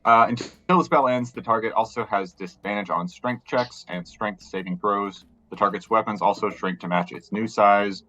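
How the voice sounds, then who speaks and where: A man playing a tabletop game, talking casually and haltingly as he thinks aloud. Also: lowish voice, sharp tone, muffled recording, a little hiss or hum. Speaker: player.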